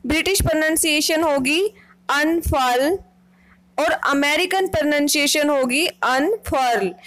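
A high-pitched woman teaches vocabulary in an unhurried, careful voice. She pronounces each word clearly, one after another. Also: fairly bright tone, rough recording. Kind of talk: slow, clear vocabulary lesson.

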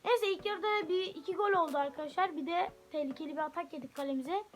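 A woman casually commentating her soccer video game at home, chatting to viewers and shouting at her players when the action heats up. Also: very high voice, quick pace. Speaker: gaming channel host. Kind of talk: live gameplay commentary. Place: room at home.

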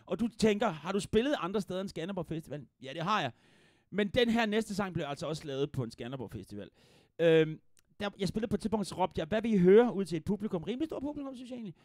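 Between songs on his livestream concert, a Jutlandic-accented host and musician jokes around in a rambling, playful way, swearing freely. He speaks high-pitched and sing-song, recorded in studio quality without echo.

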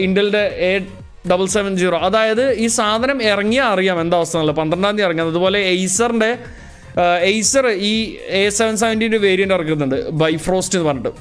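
Male streamer from Kerala, high-pitched, relaxed live chat with viewers, calling them bro. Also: clean tone. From Kerala, India. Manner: chatty, greets viewers and answers chat, calls them bro. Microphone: calibrated streaming mic.

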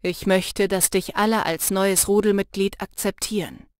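Here a woman, lightly acting, plays an intense young male shapeshifter in an audiobook, protective and low-voiced, earnest and urging yet soft in teasing moments. Her intonation is fairly even and her pace moderate, recorded in a studio with no echo.

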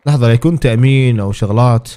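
A man's voice: mid-range voice, racing, dark tone, smooth. A man giving casual, exclamatory commentary as he plays a game and talks to his viewers. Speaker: gaming streamer.

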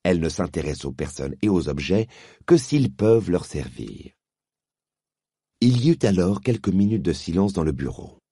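A man narrating an audiobook with measured, expressive storytelling. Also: deep voice, breathy edge, no echo, studio quality.

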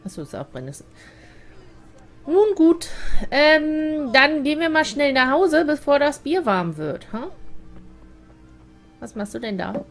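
German woman, let's play host, chatty, playful, high lively voice. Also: a little slow, pauses often, soft background music. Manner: chatty, playful, talks to characters. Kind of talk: casual gameplay commentary.

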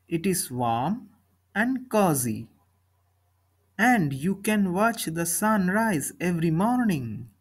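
A woman reading a children's story slowly, speaking each line and then its translation. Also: lowish voice, big pitch swings, slightly rough. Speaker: narrator of a bilingual story. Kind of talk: slow storybook reading in German and English.

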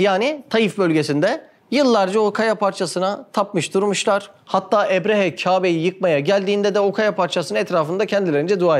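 A man with a notably high voice gives a religious talk in storytelling form. He keeps asking his listeners rhetorical questions and acts out the quoted dialogue with lively, shifting delivery. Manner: animated, asks the audience frequent rhetorical questions. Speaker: religious speaker.

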